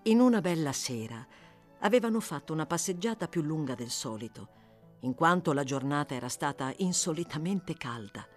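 A woman reading a novel aloud, measured and expressive, with slow pauses. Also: deep voice, soft background music. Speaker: audiobook reader. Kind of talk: scripted literary narration.

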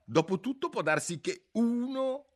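A curious little girl from a storybook, as a man puts her on in a raised, lively voice. She is eager, quick to take offence and always full of questions. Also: extremely high pitch, voice pushed up, exaggerated voice. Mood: pleading, testy. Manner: eager, quick to get cross. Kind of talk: storybook reading.

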